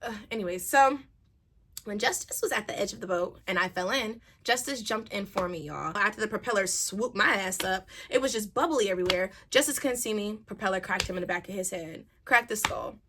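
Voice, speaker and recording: A young woman casually telling a personal story to her viewers, animated and chatty, laughing now and then. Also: mid-range voice, fairly quick, a little hiss or hum. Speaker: vlogger.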